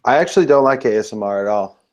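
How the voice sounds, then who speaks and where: A man's voice: mid-range voice, animated, fast talker. A young man chatting as a guest on a casual hangout, rambling and hesitant with lots of fillers. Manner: rambling, hesitant, self-conscious.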